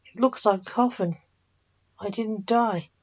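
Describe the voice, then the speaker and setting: A woman's voice: medium pitch, measured pace, a little mellow, breathy edge. Woman reading as a scared young skeptic. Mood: frightened. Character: young male skeptic, frightened. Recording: dull lo-fi.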